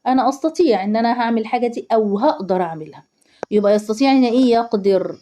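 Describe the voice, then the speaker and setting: Fast-talking Egyptian woman teacher. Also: fairly high pitch, mellow. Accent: Egyptian Arabic. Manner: asks questions and answers them herself. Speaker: primary school Arabic teacher. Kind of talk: explaining word meanings to children.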